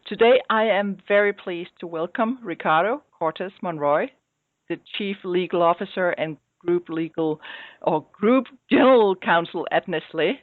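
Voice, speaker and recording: A woman's voice: lowish voice, a little slow, dry recording. A woman hosting a podcast who asks formal, prepared interview questions. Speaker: podcast host. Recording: dry, tinny phone-like sound.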